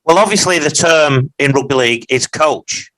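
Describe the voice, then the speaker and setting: A man's voice: a little high, lively intonation, normal speed, fairly bright tone, dry recording, low-quality recording. A man co-hosting a podcast, giving a long, opinionated, rambling take in casual conversation. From England. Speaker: podcast co-host.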